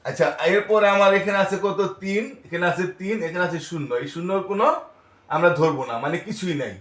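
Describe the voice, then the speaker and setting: Male grade-school teacher, patient counting style, slightly high voice, echoey room. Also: fairly bright tone. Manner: slow, patient counting aloud. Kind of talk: first-grade math lesson.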